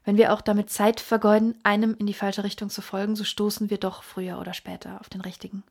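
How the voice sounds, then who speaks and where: A calm, keen-minded detective , read by a woman. He speaks in a measured, inquisitive way, sometimes dropping to a hush, and the voice is husky and breathy, at a middling pitch. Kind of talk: audiobook reading.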